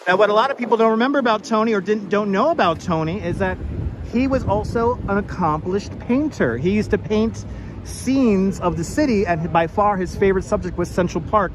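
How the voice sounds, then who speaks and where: A man's voice: sits high, fairly quick. A man giving a live walking tour to online viewers, with a projected tour guide delivery as he points out sights outdoors. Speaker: tour guide and livestream host. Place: outdoors on busy city streets and park edge. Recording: clearly noisy outdoor street recording. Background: traffic and urban street noise.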